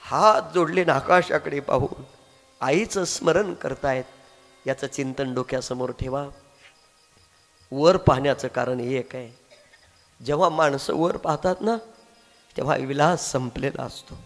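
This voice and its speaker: A man's voice: mid-range voice, measured pace, pauses often. A male devotional preacher telling a saint's story with strong emotion and drama. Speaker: kirtan preacher. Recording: echoey hall with faint music.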